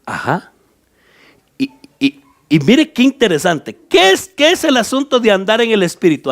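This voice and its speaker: Man, Guatemalan accent, pastor, Bible study sermon, high voice, wide-ranging pitch, asks the listeners questions. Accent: Guatemalan Spanish.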